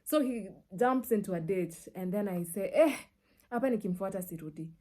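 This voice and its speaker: A Kenyan-accented woman, a media personality and storyteller, shares personal stories casually and expressively at a normal speed. Her voice is medium-pitched, and she slips into Swahili and acts out dialogue and reactions.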